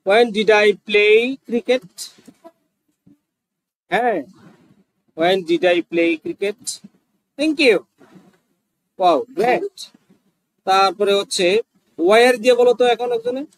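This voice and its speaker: A man's voice: sits high, very animated, very slow, long pauses, rough recording. A man teaching a class, patiently repeating phrases and prompting his students. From Bangladesh. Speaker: English teacher.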